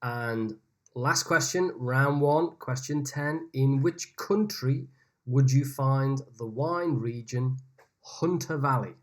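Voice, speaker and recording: A man's voice: mid-range voice, slow pace. Man hosting a video-call pub quiz. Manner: reads each question twice, with chatty asides. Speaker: quiz host.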